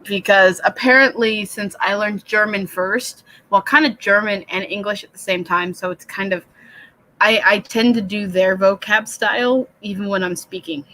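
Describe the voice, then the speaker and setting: A woman hosting a late-night writing livestream from a home computer, chatting in a low, soothing voice, rambling and self-deprecating as she reads out the chat. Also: fairly even intonation, normal speed, poor audio. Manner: speaks low and soft, said to sound soothing. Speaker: livestream host of a writing session. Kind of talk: casual live-stream chat. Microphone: computer webcam mic.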